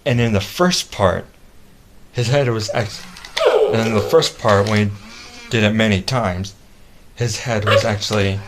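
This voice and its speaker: A man giving a casual product demonstration as a reviewer, speaking haltingly and often repeating and restarting his phrases. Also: on the low side. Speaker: toy reviewer. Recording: clearly noisy home-video recording.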